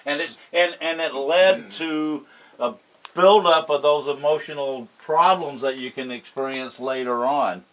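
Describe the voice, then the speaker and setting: A man's voice: a little high, a little slow, fairly bright tone, distant mic, poor audio. A man in later life talks as a veteran looking back. He is plain-spoken and conversational, and his voice sounds set back from the microphone. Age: older. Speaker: war veteran on an interview panel. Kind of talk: conversational interview talk.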